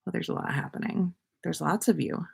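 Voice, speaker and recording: A podcast host with a fairly low, slightly rough voice, touched by vocal fry and a little mellow, talks briskly on a casual livestream. She chats with viewers and reads their comments in a slangy, mildly sweary, informal manner.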